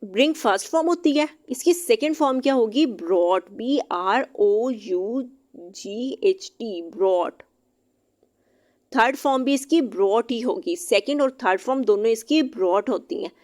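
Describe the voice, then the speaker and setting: A woman teaching English vocabulary, reading each English example slowly and then explaining it briskly, sometimes spelling words out letter by letter. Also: fairly high pitch, lively intonation, darkish tone. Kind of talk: vocabulary lesson explained in Hindi-Urdu.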